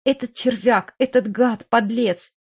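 A woman's voice: steady tone, a little slow, creaky, husky, heavily acted. A woman reading an audiobook, voicing a jealous, hysterical widow who shrieks, sneers and sobs at her rival. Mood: furious. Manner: shrill, sneering, sobbing outbursts.

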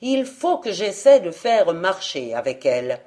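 A woman reading an audiobook, voicing a gruff, cursing drunken peasant man who blusters loudly. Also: very animated, unhurried. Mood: musing. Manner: loud, blustering, low.

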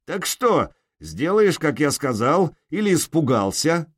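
A man voicing a gruff jarl who shouts curt, defiant answers from a fortress wall in an audiobook. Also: a little high, sing-song, a little slow, pitched above the performer's own voice, exaggerated voice.

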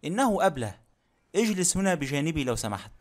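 A man reading aloud plays an elderly widow who is sure of everything, speaking with firm, decided certainty. The voice sits fairly high for a man and stays close to a storyteller's own reading voice. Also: big pitch swings, fast. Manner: firm, self-assured speech. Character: elderly widowed aunt, stubborn. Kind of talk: audiobook character reading.

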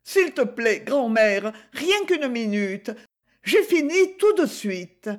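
A sad, stubborn fifteen-year-old girl, read by a woman. Her voice sits high above the reader's own, soft and plaintive, and the speech is lively but slow and hesitant. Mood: resolute.

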